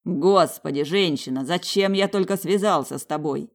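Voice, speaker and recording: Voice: mid-range voice, normal speed, lightly acted. Narrator voicing a smug rich young man. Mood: irritated. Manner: smug, dismissive. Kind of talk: audiobook character dialogue.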